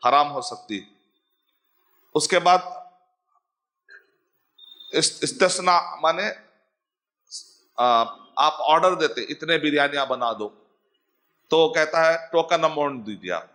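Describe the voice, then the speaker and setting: A man in his forties from Hyderabad, India, with a Hyderabadi Urdu accent, giving a religious lecture as an Islamic scholar, slowly spelling out Arabic terms and mixing in English words. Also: a little high, sharp tone. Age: 40s.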